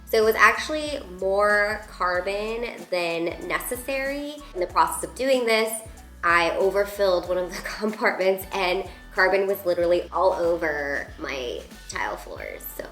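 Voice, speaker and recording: A woman who grew up in Taiwan talks through a product review in a loose, chatty way, dropping "like" often. Her voice sits at an ordinary middle pitch, and it rings around a hard-walled room with faint music under it. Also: animated, unhurried, a bit bright, reverberant. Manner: chatty, frequent "like" fillers.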